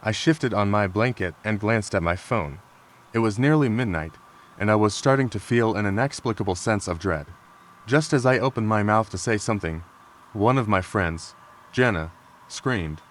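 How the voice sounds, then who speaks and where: A man narrating true scary stories in a measured, calm storytelling manner. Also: on the low side, a little hiss or hum. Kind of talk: scripted narration. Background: rain sounds.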